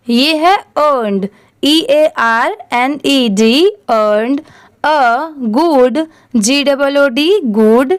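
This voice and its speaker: A woman teaching English reading, spelling words out letter by letter and saying each one slowly for learners. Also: high voice, clear, resonant tone, dry recording, studio quality. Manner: spells words letter by letter in Hindi, then says them slowly.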